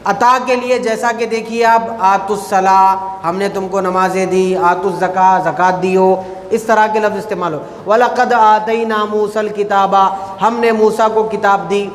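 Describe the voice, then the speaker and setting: In an echoey mosque hall with faint ambience, an Indian man gives a Friday sermon, explaining pronunciation and repeating his phrases. He often calls his listeners brother. His voice is high, with fairly even intonation.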